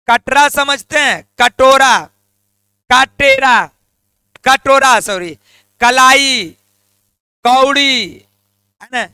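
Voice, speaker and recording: High, bright-voiced man teaching grammar. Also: smooth, dry recording. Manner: repeats key terms and prompts students to say them back; colloquial, addresses viewers as lions and lionesses. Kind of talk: exam-prep grammar lesson.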